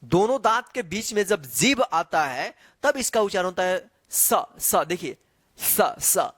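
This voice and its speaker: Reciting Hindi letters one at a time in a slow, drawn-out way, a man leads an online lesson, checking in often and asking the viewer the same questions repeatedly. His high voice swings widely in pitch and has a fairly bright tone, with a dry recording.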